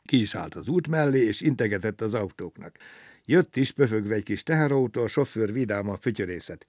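A man with a fairly low voice reads a children's story aloud, lively and expressive. The sound is close and dry, with no room echo. His telling shifts easily with the tale.

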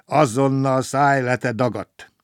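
Man doing a cross, shouting truck driver. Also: mid-range voice, fairly even intonation, clean tone, dry recording, clean studio sound, pitched above the performer's own voice, close to an everyday voice. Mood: angry. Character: grumpy truck driver, gruff working man.

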